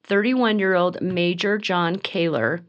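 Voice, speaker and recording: Low-voiced woman narrating true crime. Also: a little slow, clear, resonant tone, muffled recording. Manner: reads from notes with small slips and restarts. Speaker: true crime podcast host.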